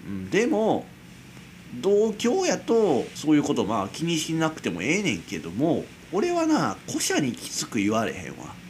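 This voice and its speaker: A man's voice: fairly high pitch, wildly swooping pitch, moderate pace, a little hiss or hum. A young man in his twenties with a Kansai accent, hosting a casual solo late-night radio-style chat, rambling and self-mocking with frequent chuckles. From Kansai, Japan. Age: 20s. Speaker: amateur radio-style host.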